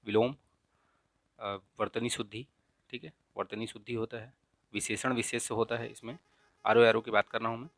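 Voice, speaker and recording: A man teaching an exam-prep lesson in a casual, explanatory way, often checking in with "ठीक है?" and slowly repeating correct spellings. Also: mid-range voice, flat delivery, a bit bright, no echo. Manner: frequent checks of "ठीक है?" and filler "अ"; repeats the right spellings slowly to stress them. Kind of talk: casual explanatory lesson, walking through a paper.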